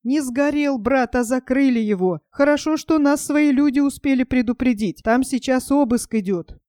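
A woman's voice: sits high, moderate pace, warm tone, no room sound, clean studio sound, lightly acted. A woman voicing a kindly male village teacher who talks in a homely, rueful way. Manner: calls the boy "brother", homely.

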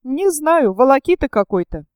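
A woman's voice: high-pitched, big pitch swings, moderate pace, a little mellow, no room sound, studio quality. A woman voicing a vain, pompous elderly male writer who turns affected and sugary when he fawns. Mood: smug gossip.

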